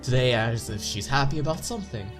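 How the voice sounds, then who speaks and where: A stuffy-nosed man narrates a visual novel for a let's play, reading the text aloud and tossing in casual commentary. His medium-pitched voice is expressive and quick, with game music in the background.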